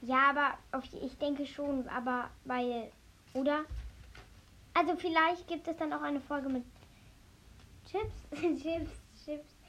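A woman's voice: high-pitched, fairly even intonation, a little slow, fairly bright tone. A young girl hosting a casual show, chatting informally to her listeners. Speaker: host of a kids' challenge show. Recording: noisy home recording with clicks.

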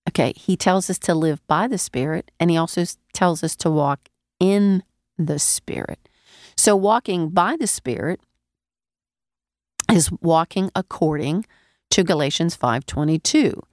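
A woman preaches on the radio in a low, gravelly voice, nasal and stuffed up from a cold. Her delivery is earnest and emphatic, with repeated key phrases. The sound is close and dry. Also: animated, measured pace, a little mellow, no room sound. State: congested, getting over a cold. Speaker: radio preacher and show host. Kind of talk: radio sermon.

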